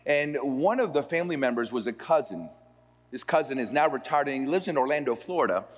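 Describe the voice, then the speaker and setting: A man from Puerto Rico preaching in a seminary chapel, his pitch rising and falling a great deal. He shifts between slow, weighted phrases and quicker runs. A long hall reverb trails his words. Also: lively intonation. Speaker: pastor. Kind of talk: sermon with scripture reading.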